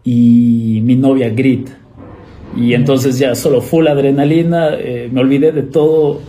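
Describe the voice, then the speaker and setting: A man's voice: mid-range voice, unhurried, slight background noise. A young man from Ecuador with an Ecuadorian Spanish accent, a guest telling a story in a casual, slangy way and acting out the voices in it. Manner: lively anecdote-teller who acts out the voices in his story; slangy, with many fillers.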